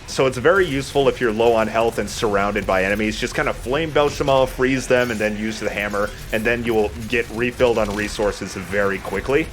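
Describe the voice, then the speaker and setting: A let's-play host gives casual, jokey commentary as he plays a video game, cursing now and then, with the game's music running behind him. His voice sits on the low side and moves briskly with few pauses, over slight background noise.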